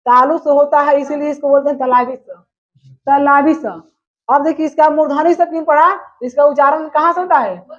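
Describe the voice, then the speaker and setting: A high-pitched woman teaches a grammar class. She drills her points by asking a question and answering it herself. The recording is dull and lo-fi. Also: fairly even intonation, moderate pace.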